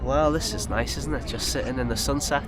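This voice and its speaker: A British man in his twenties, a native English speaker, chatting casually as a travel vlogger in halting, foreign-accented beginner Mandarin with simple broken phrases. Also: mid-range voice. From United Kingdom. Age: 20s. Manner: simple broken phrases with repeated searching for words. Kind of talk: casual chat with locals.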